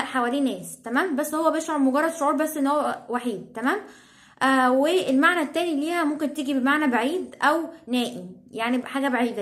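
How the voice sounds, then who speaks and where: A young woman with an Egyptian Arabic accent explaining English vocabulary as a teacher, checking in with "tamam?" after nearly every point. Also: high voice. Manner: repeats "تمام؟" as a check-in.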